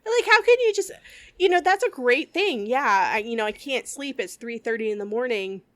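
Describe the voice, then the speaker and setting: A woman's voice: a little high, animated, normal speed, fairly bright tone, dry recording. A woman with a slight lisp, chatting and laughing often as a podcast co-host. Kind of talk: casual chat.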